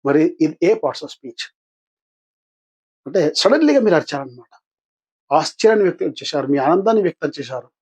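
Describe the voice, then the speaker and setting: A man's voice: fairly high pitch, very animated, fairly quick, long pauses, breathy edge. An older man with a Telugu accent teaching English grammar for exam practice, patiently asking questions and answering them himself. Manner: patient, asks and answers his own questions.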